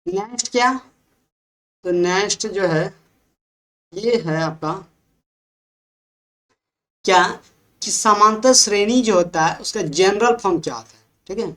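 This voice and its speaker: A woman's voice: medium pitch, a little slow, pauses often, a bit bright. A woman teaching a maths class in Hindi with a Bihari accent. She explains patiently, repeats herself and keeps checking with the students.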